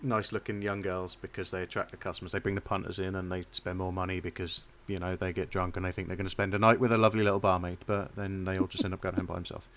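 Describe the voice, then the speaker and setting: A man's voice: low voice, little pitch movement, quick pace, hardly any pauses, a bit bright. A man narrating a tabletop game as game master, loose and chatty with asides.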